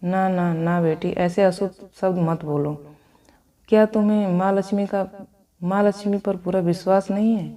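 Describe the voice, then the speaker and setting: A woman voicing a kindly, wise old mother figure in a devotional storybook tale, who gives gentle advice. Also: medium pitch, fairly even intonation, normal speed, natural voice. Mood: gentle, consoling. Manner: soothing, consoling advice.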